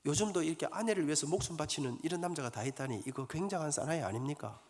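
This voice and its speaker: A man's voice: fairly high pitch, fast talker, a little mellow, in a large hall, voice pushed down, lightly acted. A man voicing an emphatic older male pastor.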